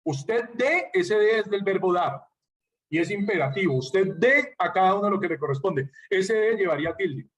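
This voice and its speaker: Teacher explaining spelling rules. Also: male voice, sits high, animated, normal speed, recorded from a distance. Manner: explains patiently with spoken examples, checks in with "¿ya?". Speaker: writing workshop teacher. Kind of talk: online class lecture.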